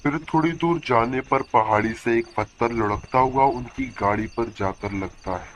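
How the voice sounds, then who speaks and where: A man narrating a cartoon story in a plain, steady storytelling manner. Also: medium pitch, moderate pace, muffled recording, a little hiss or hum.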